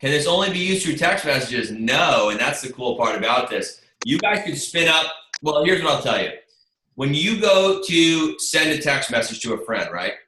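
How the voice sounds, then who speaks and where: This marketing presenter's voice sits on the high side and is very animated, though his pace stays moderate. Running an online team meeting, he gives a rambling, easygoing sales pitch on a group video call and keeps saying "you guys." Audio from the call shows roomy echo, slight noise, and clicks.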